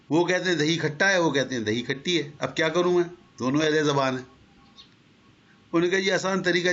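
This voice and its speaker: A man lectures to a class, walking through his points patiently and posing questions to his listeners. His voice sits a little high, and the recording is dull and lo-fi. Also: a bit bright. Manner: explanatory, asks rhetorical questions. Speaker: teacher.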